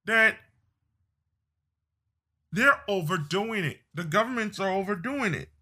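A man's voice: high voice, expressive, unhurried, sharp tone, husky. A man delivering a political opinion monologue, emphatic, repeating phrases and restarting sentences. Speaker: political commentator.

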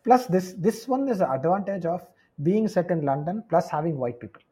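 Fast, husky South Indian man chatting. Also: high voice, lively intonation, mellow. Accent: South Indian Tamil. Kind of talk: casual discussion mixing English with Tamil.

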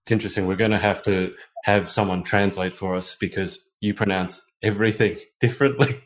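A man's voice: low voice, steady tone, fairly quick. A man hosting a podcast interview, chatty and thinking aloud with frequent restarts. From Australia. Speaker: podcast host. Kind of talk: conversational interview.

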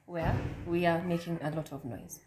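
A woman's voice: fairly low pitch, fairly even intonation, moderate pace, darkish tone, slight background noise. A woman, co-hosting a podcast in playful, teasing casual chat. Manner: playful, teasing, laughs often. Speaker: podcast co-host.

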